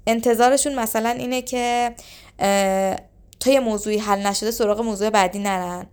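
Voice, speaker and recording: A woman's voice: fairly high pitch, fairly even intonation, darkish tone, clear, resonant tone. A woman giving relationship advice, explaining points one by one and acting out short example lines. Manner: instructive, acts out short example lines of couples arguing. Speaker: relationship advisor. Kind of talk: advice talk to camera.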